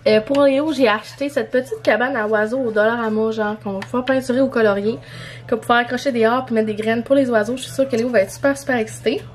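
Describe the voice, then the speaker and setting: A young woman with a Québécois French accent talks through her purchases in a loose, rambling vlog style, full of small fillers and restarts. Her voice sits a little high for a woman. A faint noise hangs under the recording. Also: fairly even intonation, fast talker. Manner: chatty, rambling, many fillers. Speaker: vlogger. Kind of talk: casual vlog showing purchases.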